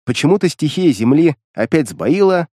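A man reading a first-person fantasy story aloud in a wry, expressive storytelling manner. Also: fairly high pitch, normal speed, studio quality. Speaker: audiobook narrator. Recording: long reverb.

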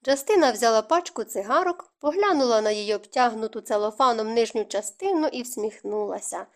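A woman reads a novel aloud in a measured, even storytelling manner. Her voice sits fairly high, and she sounds like a typical audiobook narrator. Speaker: audiobook reader.

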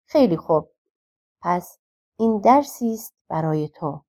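A woman's voice: lowish voice, expressive, darkish tone. A woman reading aloud voices a wise, stern old man with magic powers, scolding yet forgiving. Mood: reproachful. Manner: reproachful but forgiving.

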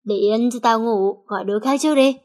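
A woman's voice: fairly high pitch, brisk, darkish tone, natural voice. A woman voicing a sleepy, hot-tempered teen girl. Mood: grumpy. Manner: grumpy, scolding.

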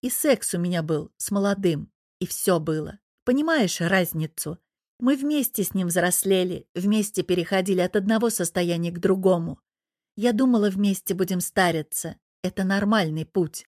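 A woman's voice: lowish voice, normal speed, darkish tone, no echo. A middle-aged woman narrating an audiobook in the first person, blunt and sardonic. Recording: dry close studio sound.

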